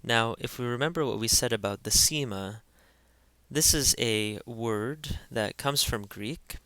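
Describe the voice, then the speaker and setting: A man teaching pronunciation in an instructional voice-over, carefully spelling out each sound and repeating every word slowly. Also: medium pitch, pushed and bright, dry recording. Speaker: language teacher.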